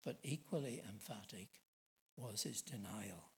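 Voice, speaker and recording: A man's voice: fairly low pitch, lively intonation, measured pace, darkish tone, poor audio. A middle-aged man preaching a sermon, earnest and emphatic, asking his listeners rhetorical questions.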